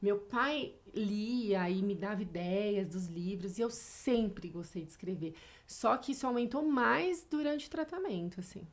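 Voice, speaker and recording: A woman's voice: mid-range voice, measured pace, few pauses. A Brazilian woman in her thirties, a podcast guest telling her own story in a reflective, emotional way. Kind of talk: casual podcast conversation.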